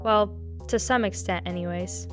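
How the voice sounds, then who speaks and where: A woman narrating a short documentary and interviewing its subject, reading her script in an even, read-aloud way. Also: medium pitch, moderate pace, music in the background.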